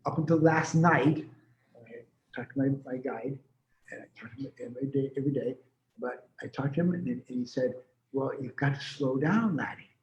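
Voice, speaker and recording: A man's voice: medium pitch, brisk. A man in his seventies who talks readily and rambles, speaking casually as a healer being interviewed. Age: 70s. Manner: rambling and talkative. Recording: echoey room, dull lo-fi sound.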